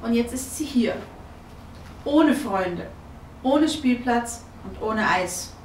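A woman reading a storybook aloud for young children, lively and expressive, in an echoey room from a distance. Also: fairly high pitch, slow, slight background noise. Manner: lively, expressive, voices the characters. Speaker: children's book reader.

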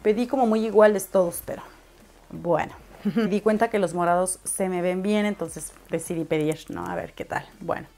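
A young woman talking casually through a makeup haul in a vlog, chatty and unhurried, now and then dropping in English words. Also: on the low side, creaky, warm tone. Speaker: beauty vlogger.

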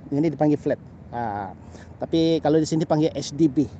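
Faint outdoor noise and a mellow, lo-fi sound surround a middle-aged male birding vlogger with a high-pitched voice and a Sabahan Malay accent. Standing on a grassy path by a canal, he chats to the camera haltingly, repeating phrases and often adding "ah" and "lah."

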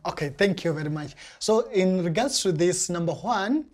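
Measured Zimbabwean man, lapel mic. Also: sits high, animated. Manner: careful, measured, frequent pauses and restarts. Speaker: interview guest, church member. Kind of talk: casual interview answers. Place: small indoor studio set.

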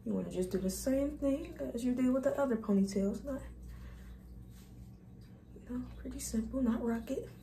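A woman's voice: on the high side, normal speed, pauses often, dark tone. A young woman vlogger talking viewers through a hair tutorial in a casual, chatty, informal way. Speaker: beauty vlogger.

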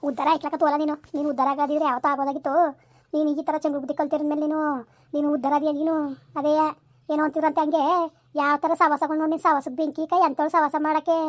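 A woman's voice: high-pitched, flat delivery, very fast, dry recording, close to an everyday voice. A woman playing a furious village mother who scolds her son in a rural comedy skit, hurling repeated insults. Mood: scolding.

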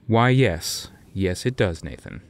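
A deadpan narrator voice. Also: male voice, low voice, slow pace, full character voice. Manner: deadpan, dry. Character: dry bodiless narrator voice, deadpan. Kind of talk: comedy radio play narration.

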